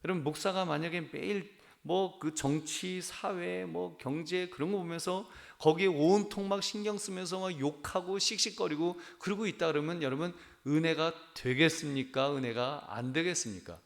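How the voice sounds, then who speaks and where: Korean pastor preaching with earnest fervor. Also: male voice, a little high, moderate pace, gravelly, few pauses. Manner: earnest, animated preaching with frequent appeals to the congregation. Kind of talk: sermon.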